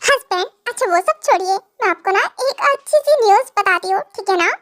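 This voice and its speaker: A woman's voice: extremely high pitch, lively intonation, a little fast, fairly bright tone. A woman voicing a shy, flustered young wife in a fan audio drama, hesitant and scolding by turns.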